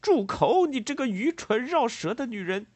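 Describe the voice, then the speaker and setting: A man voicing a greedy, bullying middle-aged landowner who shouts and blusters in a husky voice. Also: very high-pitched, sing-song, moderate pace, no echo, pitched above the performer's own voice, heavily acted. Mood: furious.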